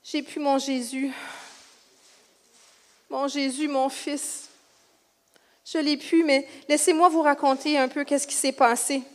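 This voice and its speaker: A woman with a Quebec French accent playing the grieving, gentle mother of Jesus, telling her story softly and hesitantly. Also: high-pitched, flat delivery, takes it slowly, pauses often. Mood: sad, gentle. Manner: soft, hesitant storytelling with fillers.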